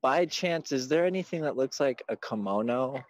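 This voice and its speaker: A man playing a tabletop game with an animated, jokey manner. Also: mid-range voice, normal speed, no echo. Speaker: player.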